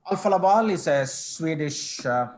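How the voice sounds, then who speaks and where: A middle-aged man from Kerala, a company managing director speaking as a guest in an online panel interview, measured and formal with frequent restarts. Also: fairly high pitch, expressive, a little mellow. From India, Kerala. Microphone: video call.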